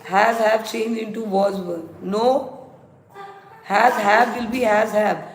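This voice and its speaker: Slowly and steadily, at medium pitch, an Indian-accented woman walks students through English grammar on a live stream, going over rules and examples again and again. Her audio echoes in the room, with faint noise and clicking.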